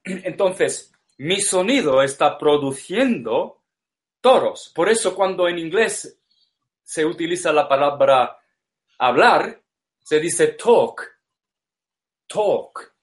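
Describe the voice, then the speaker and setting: A man whose first language is English, lecturing slowly in a second language, repeating words and searching for terms as he explains. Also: fairly high pitch, animated.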